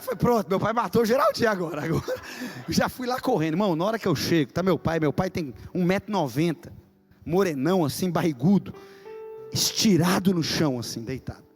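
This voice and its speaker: High-voiced Brazilian-church pastor preaching. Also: male voice, fast, faint music behind. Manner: animated storyteller who builds to impassioned preaching. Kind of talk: sermon with dramatic storytelling.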